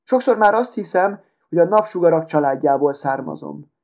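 A man's voice: a little high, expressive, creaky, darkish tone. A man voicing a vain, haughty female sewing needle who talks in a proud, affected, self-important way. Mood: proud, dreamy.

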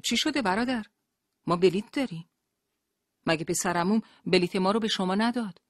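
Frightened young woman, as a narrator puts her on, pleading tone, high pitch, dry sound. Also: very animated, no echo. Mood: anxious. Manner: trembling, pleading.

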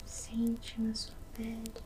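A Brazilian woman doing an ASMR role-play as a massage therapist, soothing and gently guiding in a soft, breathy soft voice. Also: fairly high pitch, completely flat delivery, slow pace, over music, rough recording.

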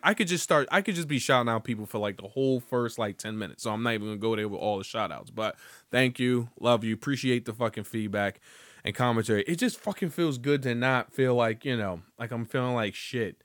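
On his own podcast, a man with a lowish, clean-toned voice delivers a loose, joking monologue packed with profanity. It's studio quality, free of any room sound.

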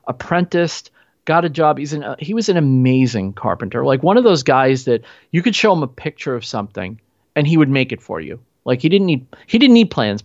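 A man's voice: fairly high pitch, no echo, muffled recording. A man talking in an earnest, motivational way in a casual podcast conversation, driving points home with repetition. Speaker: podcast guest.

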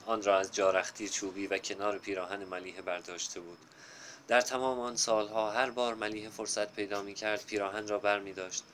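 Low-voiced man reading a literary story. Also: fairly bright tone, a little hiss or hum. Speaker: narrator. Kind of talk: literary audiobook narration.

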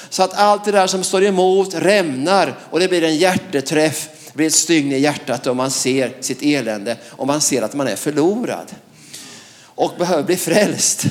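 High-voiced preacher, emphatic and lively. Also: male voice. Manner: lively and emphatic, laughs between phrases, frequent "va?". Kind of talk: sermon.

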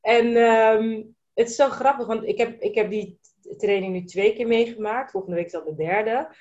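A woman's voice: on the high side, normal speed, a little mellow. A woman hosting a casual podcast conversation, enthusiastic and mixing in English phrases as she talks. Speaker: podcast host. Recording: dull lo-fi sound.

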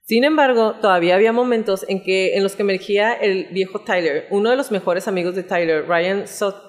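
A woman hosting a podcast, telling a true crime story in a relaxed narrating tone. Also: medium pitch, fairly quick, big-room sound. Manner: reads out chat messages in a relaxed narrating tone. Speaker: podcast host.

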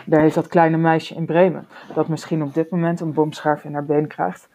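Een zuchtende, bedroefde echtgenote in een voorgelezen verhaal, gespeeld door een vrouw. Ze klinkt zacht en bezorgd, met een donkere, schorre stem. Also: female voice, low-pitched, little pitch movement, moderate pace, mellow. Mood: sorrowful. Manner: sighing, sorrowful. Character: worried mayor's wife, gentle and sorrowful.

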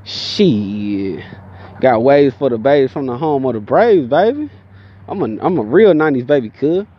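A man in his thirties from Georgia with a Southern accent, telling a profane, slangy story in a casual, animated way. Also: mid-range voice, unhurried, husky. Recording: dull lo-fi recording.

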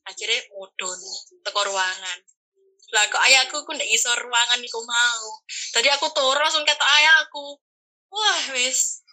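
A young woman with an East Javanese accent tells a personal story in a casual, animated way, acting out the people she quotes. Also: fairly high pitch, a little slow, rough recording. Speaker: guest telling her story.

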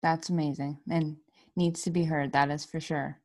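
A woman hosting an interview, soft and encouraging, answering with short affirmations. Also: low voice, little pitch movement, moderate pace. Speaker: podcast host. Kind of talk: casual interview.

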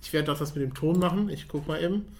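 A man's voice: fairly high pitch, quick pace, a little mellow. Chatty male livestream host. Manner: chatty, addresses viewers directly. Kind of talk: live stream hosting, talking to chat.

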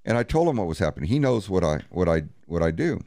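This paranormal investigator talks fast and very animatedly in a low, dark-toned voice, recorded without echo. Telling his story in an interview, he is blunt and profane, re-enacting each exchange with "he goes, I said."

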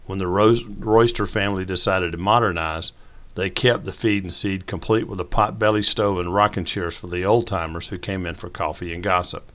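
A man narrating an audiobook in a folksy, measured way. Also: low voice, fairly even intonation, a bit bright.

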